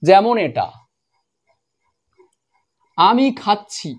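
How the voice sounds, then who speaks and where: A man teaching an English grammar lesson, explaining step by step and repeating examples slowly. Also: high-pitched, big pitch swings. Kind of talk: spoken grammar lesson at a board.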